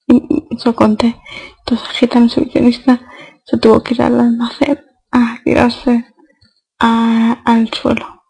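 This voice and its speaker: A woman's voice: on the high side, vocal fry, dark tone, husky, poor audio. A woman with an accent from Spain, hosting a podcast and telling a rambling comic anecdote in crude, slangy, self-mocking words. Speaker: podcast host.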